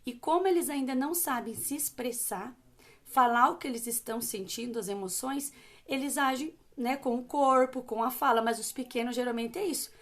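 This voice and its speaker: Brazilian woman in her thirties, live parenting Q&A host, steady and firm, fairly high voice. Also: normal speed. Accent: Brazilian Portuguese. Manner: calm, firm advice with frequent "né?" and "tá?". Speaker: parenting educator hosting a live Q&A. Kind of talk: casual advice talk to an audience.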